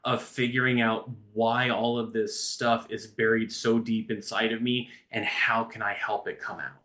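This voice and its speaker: A man speaking as a recovery-coach guest in a conversational interview, earnest and growing animated as he tells a story. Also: on the low side, unhurried.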